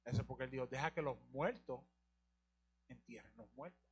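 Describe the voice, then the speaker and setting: A man's voice: medium pitch, fairly quick, a little hiss or hum. A man teaching the Bible on a live show, asking rhetorical questions and repeating key lines. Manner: rhetorical questions and repetition, directs the reader.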